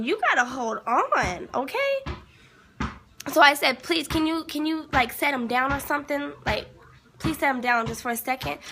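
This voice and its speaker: Emotional young woman, higher voice, noisy recording. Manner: emotional, halting, with fillers and sudden exclamations. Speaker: grieving mother telling her story. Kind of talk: personal storytelling vlog.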